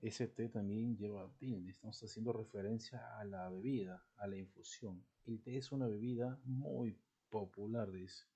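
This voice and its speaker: A man with a husky, mellow, lowish voice and fairly even intonation teaches a recorded grammar lesson. He works through it step by step, often checking in with quick rhetorical questions.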